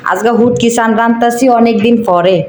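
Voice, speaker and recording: A woman's voice: on the high side, steady tone, fairly quick, a little mellow, echoey room. A woman from Cumilla with a Cumilla Bengali dialect, talking viewers through a recipe as she cooks and chatting with them like friends. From Cumilla, Bangladesh. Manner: chatty, talks to viewers as friends while cooking. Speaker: cooking vlogger. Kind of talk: casual cooking narration.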